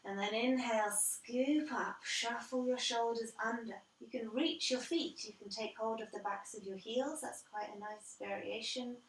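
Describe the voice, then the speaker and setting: A woman guiding a yoga class as instructor, calm and measured, step by step. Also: on the high side. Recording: roomy echo, distant from the mic.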